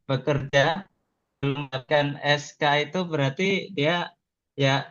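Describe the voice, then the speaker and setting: A man's voice: on the high side, steady tone, a little slow, a bit bright. A man in an online class answers a question hesitantly, with many filler sounds, while his audio breaks up over a bad connection. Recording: dull lo-fi online call audio.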